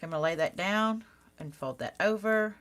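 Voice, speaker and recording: Her voice sits mid-range with lively intonation, a moderate pace and a fairly bright tone. She's a card-making channel host doing a live demo, talking casually to viewers and teasing herself with laughter as she works.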